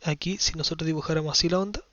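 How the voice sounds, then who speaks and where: A man with a fairly high voice explains physics to his class, step by step, checking that students follow. The recording is dry and a little dull. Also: rapid-fire, bright, forceful tone, dry recording. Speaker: science teacher. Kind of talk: physics lesson explaining exam questions.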